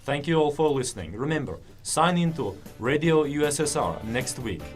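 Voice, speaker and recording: A man's voice: medium pitch, expressive, moderate pace, over loud music, voice pushed up, close to an everyday voice. A man putting on a mock Russian accent to voice a pompous male Soviet radio presenter.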